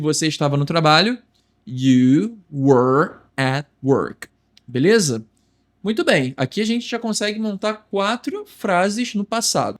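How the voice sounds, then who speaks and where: A young man with a Brazilian Portuguese accent teaching an English lesson, slowly repeating words for the viewer. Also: fairly high pitch, a bit bright.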